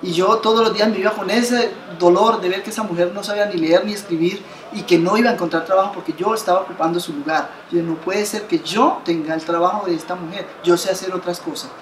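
Speaking quickly with hardly a pause, a woman with a lowish, fairly even voice shares her story in an interview, earnest, gesturing, and full of restarts and repeated words. She's in her fifties, Colombian, and founded an association. The bright living room by a window gives roomy sound with slight background noise.

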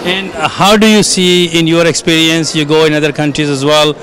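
Halting middle-aged interviewer on a crowded floor. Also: male voice, a little high, level tone. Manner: slow, halting questions with fillers. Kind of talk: event interview questions. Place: busy expo hall, indoors. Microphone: handheld mic. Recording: crowded expo floor noise. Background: crowd chatter.

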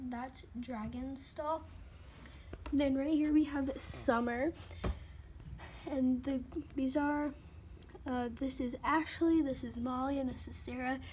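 A woman's voice: sits high, slight background noise. A woman casually narrating a tour of her toy horse barn, listing items in a chatty way and sometimes dropping to a whisper, recorded on a handheld phone indoors. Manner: chatty listing, soft at times, slips into whispers. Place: carpeted room at home, indoors. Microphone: handheld phone camera, unseen speaker.

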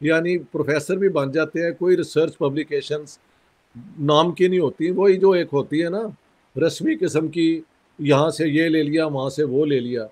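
Guy with a scratchy sore throat, kinda high voice, slow careful interview talk. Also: steady tone, a little mellow. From Pakistan. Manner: measured, critical, frequent pauses. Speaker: interview guest. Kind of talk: conversational interview.

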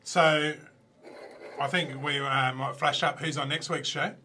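Australian male host, slightly raised pitch, joking banter. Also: fairly even intonation, measured pace, bright, forceful tone, a little hiss or hum. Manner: chatty, jokey banter. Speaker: show host. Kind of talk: casual chat.

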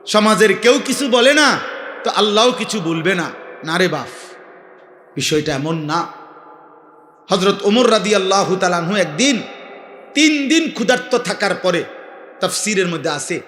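Bangladeshi guy preaching hard, bright sharp voice, big echoey hall. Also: high-pitched. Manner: fiery, declamatory, often shouting. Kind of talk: Bengali waz sermon. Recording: echoey hall with long reverb.

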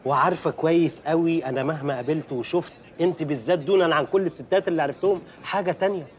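An actor playing an Egyptian husband who pleads softly with his angry wife. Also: on the high side, racing, natural voice. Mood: pleading. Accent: Egyptian Arabic. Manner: soft, pleading. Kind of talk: comedy film acting.

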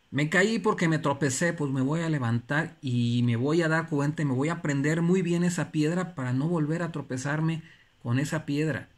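A man giving an earnest, preachy motivational talk. He repeats phrases for emphasis and pauses between them. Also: mid-range voice. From Mexico. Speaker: motivational speaker.

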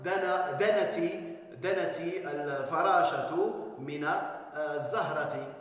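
A male primary school teacher with a Moroccan accent, giving a dictation lesson to young pupils and stretching out key words slowly and with emphasis. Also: on the high side, a bit bright. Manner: slow, emphatic, drawn-out syllables, frequent praise. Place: classroom. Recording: very echoey classroom with long reverb.

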